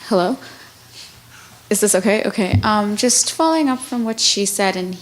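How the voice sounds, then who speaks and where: A woman's voice: mid-range voice, moderate pace, a little hiss or hum, rough recording. A woman who grew up in Bangladesh and Thailand, asking a panel a frank, informal question from the audience.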